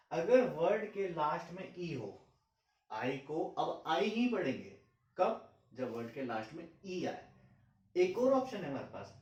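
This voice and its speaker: Male teacher, higher voice, patient and repetitive delivery, distant mic in an echoey room. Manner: patient, repeats example words slowly one by one. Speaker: English teacher. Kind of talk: phonics lesson explaining vowel sounds. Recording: roomy echo, mic at a distance.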